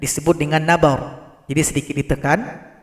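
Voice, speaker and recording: A man teaching Quran recitation, explaining pronunciation mistakes and chanting verses slowly in between. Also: on the high side, little pitch movement, echoey room. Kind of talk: tajweed lesson with recited examples.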